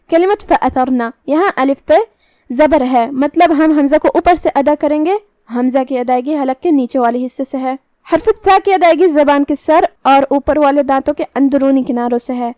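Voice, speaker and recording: A woman teaching Quran recitation, calmly explaining each letter and its rule, then reciting slowly. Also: high-pitched, no echo. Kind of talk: tajweed lesson with slow recitation.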